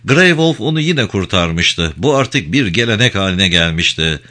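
A male audiobook narrator giving a dramatic, expressive reading. His voice sits low but sounds bright, and his pitch moves a lot as the tension builds. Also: normal speed. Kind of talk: scripted narration.

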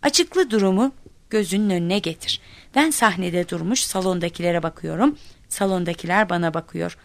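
A woman telling a comic first-person story in expressive narration, acting out shouts and cries. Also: lowish voice, normal speed, creaky, no room sound. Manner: lively, acts out quoted shouts.

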